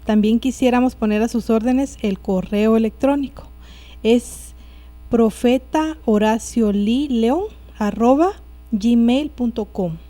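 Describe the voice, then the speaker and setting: Mellow-voiced woman host. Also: on the high side. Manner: reads contact details slowly and plainly, answers with short "amen"s. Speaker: television interview host.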